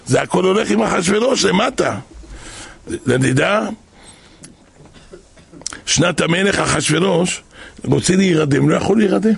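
A man preaching a religious story in a dramatic way, acting out voices and breaking into shouts, with a very husky, gravelly voice. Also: high voice. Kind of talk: animated storytelling sermon.

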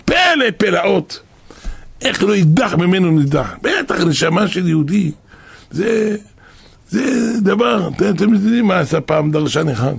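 A male preacher tells stories in a sermon, and his voice is strongly husky with deep gravelly fry. He sits a little higher in pitch than most men. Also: animated. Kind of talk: storytelling sermon.

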